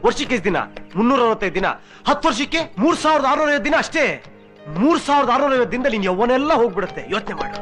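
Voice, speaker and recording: An actor playing a smooth-talking, manipulative man who lectures with a twisted philosophy in film dialogue. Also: extremely high pitch, lively intonation, racing. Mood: sly lecturing. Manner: sly, lecturing, swinging from whispers to shouts. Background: film score music.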